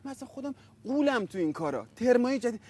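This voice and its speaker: A man's voice: very high voice, big pitch swings, a little mellow, husky, exaggerated voice. An actor playing a pretentious young man who rambles pompously about postmodernism as a guest on a comedy sketch. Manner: rambling, pompous, full of jargon. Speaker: self-styled media guru guest.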